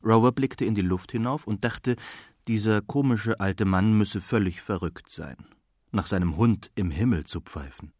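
A man narrating a children's storybook in a calm, measured reading voice. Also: fairly low pitch, dry recording, clean studio sound.

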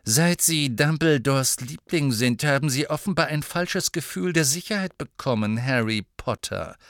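A man's voice: mid-range voice, expressive, fairly bright tone, no echo, studio quality, voice pushed up. A man doing a cold haughty noblewoman. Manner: cool, disdainful, measured. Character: cold haughty aristocratic mother.

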